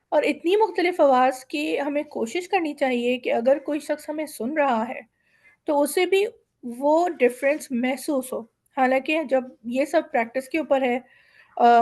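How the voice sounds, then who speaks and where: Patient high-voiced woman teaching recitation. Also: a little mellow. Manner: patient, slows down to sound out example words. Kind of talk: explaining pronunciation in a class.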